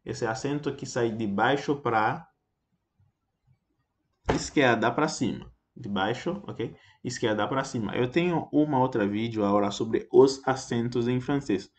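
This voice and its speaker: A man's voice: mid-range voice, measured pace. A man teaching a basic French pronunciation lesson, repeating example words and checking in with frequent "ok?". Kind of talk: explanatory language lesson.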